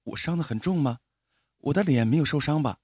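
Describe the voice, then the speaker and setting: A weepy, ashamed young village woman pleads in a high, lively storybook voice, as a male narrator puts her on. The recording is dry and close, with no room sound. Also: brisk, husky, no echo. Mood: tearful pleading. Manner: pleading, tearful.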